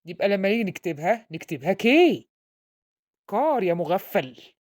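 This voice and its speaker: A woman's voice: mid-range voice, lively intonation, fast, lightly acted. A woman playing a blustering, pompous father with an Egyptian accent who insults his son while tutoring him and mangles English words. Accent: Egyptian Arabic. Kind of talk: comedy sketch acting.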